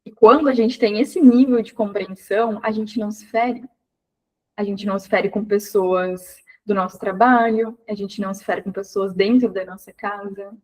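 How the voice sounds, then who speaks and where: A young woman giving an animated, conversational devotional talk to women. She speaks straight to her listeners and calls them by name. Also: medium pitch, moderate pace, poor audio. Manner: animated, acts out voices and sounds to illustrate points.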